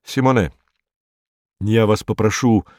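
Man doing a gruff, curt police inspector. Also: lowish voice, measured pace, darkish tone, dry recording, clean studio sound. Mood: tense. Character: stern, tough male police inspector, middle-aged.

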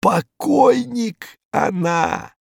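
A man voicing a frightened, superstitious male gangster informer who talks in a jumpy, rambling, pleading way, in a high, strained voice with a gravelly edge. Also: animated, extremely slow, no echo, studio quality, heavily acted. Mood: insistent.

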